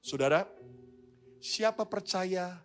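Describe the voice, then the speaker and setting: A man preaching a lively sermon as pastor, leading the congregation in call-and-response. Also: high-pitched, slow, soft background music.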